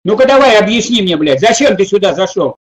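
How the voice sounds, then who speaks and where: Cranky seventy-five-year-old grump with a high, thin voice, put on by a man, barking insults in short bursts over game chat. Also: expressive, a little fast, low-quality recording. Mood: scolding. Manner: abusive, scolding, rants in short bursts.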